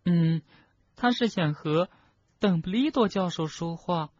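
A man voicing a frightened, clever teenage schoolgirl witch in an audiobook, with loud, shrill, pleading outbursts. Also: a little slow, dull audio. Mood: sobbing. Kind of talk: audiobook character reading.

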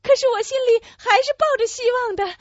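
A woman acts out a very high, lilting young woman in a radio play, loving and terrified as poison takes hold. Her voice swoops widely and catches in tearful breaths. The recording is dull and dry, with little room sound. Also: animated, no echo. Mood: tender. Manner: breathless, halting, tearful delivery. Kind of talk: Chinese radio-play acting.

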